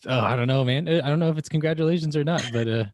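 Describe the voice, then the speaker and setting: A man's voice: a little high, very fast, a little mellow, no room sound. Young male host, late twenties, easygoing, dry close mic. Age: 20s. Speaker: podcast host. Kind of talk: casual chat.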